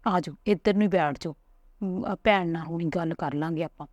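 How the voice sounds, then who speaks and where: Lady playing a pushy aunty rushing her words, dry close mic. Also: on the low side, darkish tone, no room sound, lightly acted. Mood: insistent. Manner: hurried, pressing. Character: scheming middle-aged aunt, quick and insistent.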